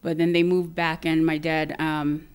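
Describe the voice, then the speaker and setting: A woman in her thirties from Hawaii speaks as a podcast guest in a casual interview, soft and thoughtful, with light laughs. Her voice is low and level, her pace measured, and the tone clean.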